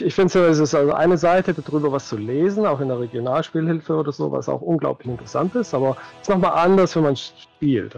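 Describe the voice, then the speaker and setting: Here a middle-aged tabletop game master, guesting on an interview via video call, muses casually and hedges as he works through his thoughts. His fairly high voice carries vocal fry and a slightly mellow quality. The headset audio from his home room is dull, with faint background music.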